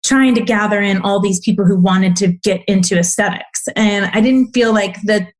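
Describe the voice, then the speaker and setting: A woman physician as a podcast guest, telling her stories in an animated, emphatic way. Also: medium pitch, normal speed. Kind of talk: casual interview conversation.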